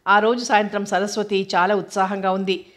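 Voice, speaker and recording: A woman reading a novel aloud as narrator, in an even, unhurried storytelling manner. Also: mid-range voice. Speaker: audiobook narrator.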